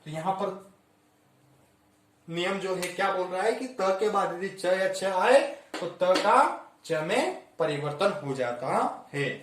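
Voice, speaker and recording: Speaking slowly in a high voice, a man teaches a Hindi grammar lesson for exam preparation, explaining and repeating each rule step by step. The mic sits at a distance in an echoey room, with slight background noise.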